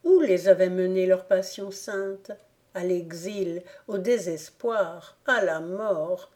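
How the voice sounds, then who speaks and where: A woman reading a classic novel aloud as an audiobook narrator, in a slow, deliberate manner. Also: lowish voice, darkish tone. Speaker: audiobook reader. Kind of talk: scripted narration.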